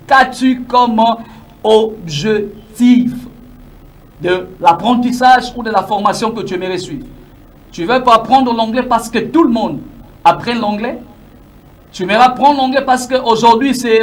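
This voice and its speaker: Man, Congolese French accent, very high voice, emphatic coach, rhetorical questions, Lingala phrases mixed in. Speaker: English-learning coach. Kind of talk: motivational teaching monologue.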